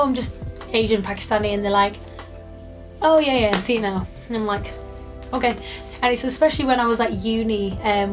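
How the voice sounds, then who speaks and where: A British YouTuber in her twenties chats casually to camera with a mid-range voice. Her vlog rambles along with plenty of fillers.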